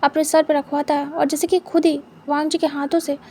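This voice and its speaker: A young woman narrating a story in a soft, unhurried, intimate way. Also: sits high, level tone, slight background noise. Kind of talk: story narration in Hindi with English words.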